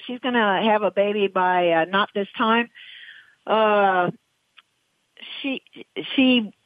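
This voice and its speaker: A woman's voice: slow, no echo. A woman racehorse trainer in a phone interview, talking in an emotional, rambling way. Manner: emotional, rambling, voice jumps high when excited. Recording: tinny dry phone line.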